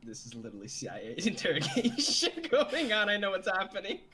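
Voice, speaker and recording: A man's voice: high voice, huge pitch swings, a little fast, a crowd in the background. A man playing a tabletop game, switching casually between in-character lines and table chat with joking sarcasm.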